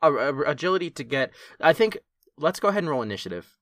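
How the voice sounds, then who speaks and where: A man running a tabletop game as game master, calmly narrating action and calling out dice results. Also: a little high, quick pace, dry recording. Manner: relaxed, matter-of-fact narration with dice results.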